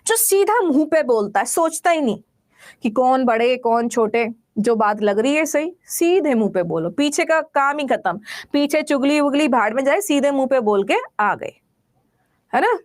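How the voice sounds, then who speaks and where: A woman's voice: high voice, animated, moderate pace. A woman teacher explaining vocabulary, asking questions and answering them everyday examples. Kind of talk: classroom vocabulary lesson.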